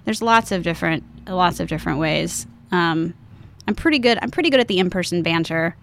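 A woman chatting casually as a guest, talking quickly and laughing easily. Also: fairly low pitch, expressive, vocal fry, a bit bright, slight background noise. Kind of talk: casual chat.

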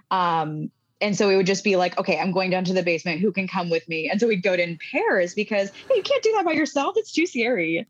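A woman's voice: mid-range voice, no room sound, lo-fi sound. A woman co-hosting a casual podcast, telling stories with lots of "like" and "you know". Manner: animated storytelling, says "like" often. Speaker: podcast co-host. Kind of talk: casual chat.

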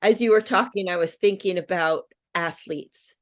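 A woman hosting a podcast, relaxed and thinking aloud, with frequent affirmations. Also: on the low side, moderate pace. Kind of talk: conversational podcast discussion.

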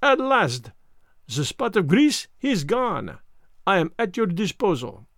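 A man's voice: sits high, wildly swooping pitch, a little slow, fairly bright tone, dry recording, studio quality, full character voice. Hercule Poirot, as a man puts him on. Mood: triumphant. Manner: precise, prim foreign-sounding English. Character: fussy vain little detective, older man.

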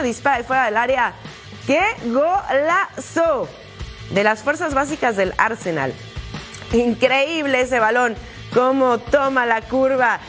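A woman delivers football highlights commentary in a high-pitched voice. She describes plays as a sports presenter and exclaims over the good ones. Music runs behind her voice. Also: a bit bright.

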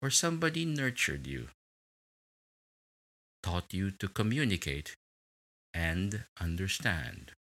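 A man with a deep, low voice guides a relaxation meditation at an unhurried pace. His tone is bright and clear, and his pitch rises and falls expressively as he lingers on each word. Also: sing-song. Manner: slow, soothing, with long pauses.

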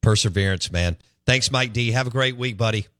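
A man hosting a sports radio show, bantering quickly in a casual, folksy way. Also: medium pitch, a bit bright, dry recording, clean studio sound.

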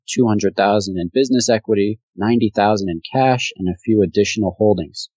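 A man hosting a podcast, reading an upbeat, even intro and asking interview questions. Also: lowish voice, no room sound. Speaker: podcast host. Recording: dry, muffled audio.

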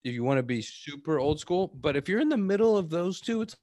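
A man in casual podcast chat who talks haltingly and circles back over his words. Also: a little high, big pitch swings, darkish tone, no room sound, clean studio sound. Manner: halting, repeats himself. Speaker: professional baseball player.

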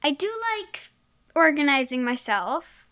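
A guest giving short, hesitant answers full of fillers in a casual chat. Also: female voice, sits high, expressive, measured pace, pushed and bright.

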